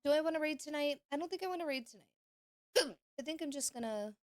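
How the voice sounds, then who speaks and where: A woman's voice: sits high, lively intonation, fairly quick. A young woman streaming games who chats casually, rambles and swears, with the hiccups. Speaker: gaming streamer. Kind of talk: casual livestream chat.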